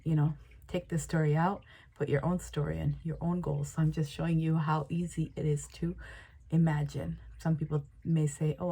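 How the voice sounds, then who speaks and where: A woman's voice: low voice, mellow, slightly rough. A woman life coach leading a guided imagination exercise in a casual, repetitive way with lots of fillers. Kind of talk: guided visualization.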